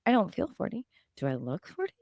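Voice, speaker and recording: A woman in her late thirties co-hosting a podcast in lively casual chat, laughing often, her voice a little strained. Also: mid-range voice, fast talker, gravelly, no room sound, studio quality. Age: 30s. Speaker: podcast co-host.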